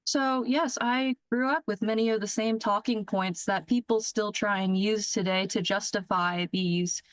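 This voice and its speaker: A woman's voice: medium pitch, steady tone, a little slow, no echo, rough recording. A young woman, an active duty Air Force lieutenant, answering in a news interview, earnest and careful with frequent restarts.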